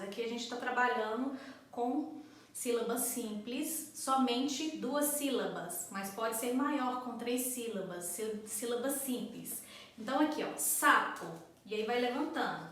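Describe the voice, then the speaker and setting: Brief: woman coordinator, slightly high voice, patient step-by-step teaching, distant mic in a very echoey room. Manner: patient, explains step by step, claps out syllables. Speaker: school coordinator. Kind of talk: instructional explanation for parents.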